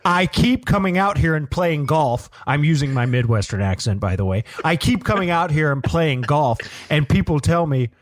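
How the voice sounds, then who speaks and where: A touchy, self-absorbed movie star, confused and indignant, wandering through an improvised comedy sketch, played by a man. His voice sits fairly high and the recording is dry and close. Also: very animated, normal speed, hardly any pauses, no echo. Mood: rambling. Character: spoiled male movie star amateur golfer in character.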